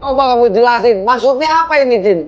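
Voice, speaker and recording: A man's voice: very high-pitched, quick pace, highs cut off. A man playing an angry middle-aged father confronting his son-in-law in a film. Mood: furious. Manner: scolding, insistent, confrontational. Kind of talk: low-budget film acting.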